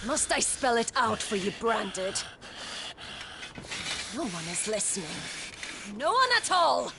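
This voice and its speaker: A woman's voice: medium pitch, lively intonation, unhurried, very noisy, close to an everyday voice. A woman playing a spiteful, explosive villainess warrior in a video game, vicious and taunting. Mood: scornful. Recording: loud game music over the voice.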